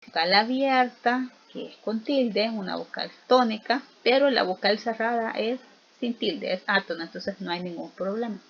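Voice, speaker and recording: A female teacher leads a recorded spelling lesson at a slow, patient pace, sounding out vowels and examples and inviting the listener to repeat them. Her mid-range voice has a creaky quality, and the recording is muffled.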